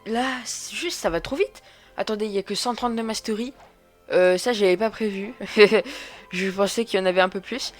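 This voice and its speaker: A man giving excitable, chatty let's play commentary, often repeating words as he plays. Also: sits high. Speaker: gaming video creator.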